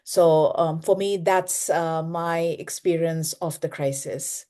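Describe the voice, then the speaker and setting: A woman's voice: sits low, fairly even intonation, takes it slowly, mellow. A woman from South India, giving hesitant panel remarks on a video call, full of fillers.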